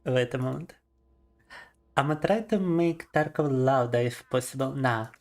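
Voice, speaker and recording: Male streamer, native Russian speaker, mid-pitched, casual and chatty, laughs a lot while talking through gameplay on a desk mic. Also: unhurried. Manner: chatty, laughs often, explains to viewers as he plays. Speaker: livestreamer. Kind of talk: casual gaming livestream commentary.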